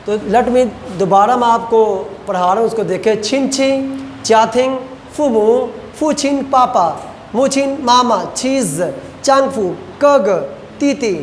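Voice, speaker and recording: A male lecturer teaches Chinese words, slowly repeating each pronunciation several times. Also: very high voice. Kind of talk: recorded university lecture. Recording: roomy echo, faint background noise.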